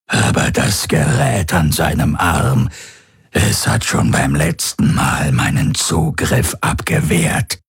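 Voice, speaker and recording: A man voicing a male alien telepath who murmurs slowly in a whisper-like voice. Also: extremely low pitch, sing-song, creaky, husky, dry recording, studio quality, heavily acted. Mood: murmuring. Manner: slow, murmuring.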